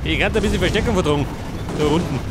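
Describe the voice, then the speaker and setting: A man's voice: a little high, very fast, heavy background noise. A man with a Bavarian accent giving casual let's play commentary as host of a gaming video. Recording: loud game music and battle sounds behind.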